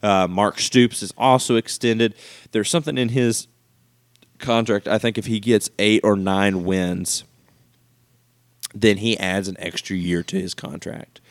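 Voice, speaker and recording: A man's voice: lowish voice, steady tone, unhurried, dry recording, clean studio sound. A man co-hosting a casual sports podcast, reading news items with fillers and restarts. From West Virginia fan. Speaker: podcast co-host.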